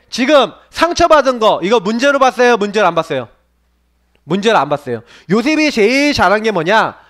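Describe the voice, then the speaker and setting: A man's voice: sits high, a bit bright. A man preaching a sermon to young people, asking the listeners question after question and acting out quoted lines. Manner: asks the audience many questions, acts out quoted voices. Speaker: pastor preaching to youth.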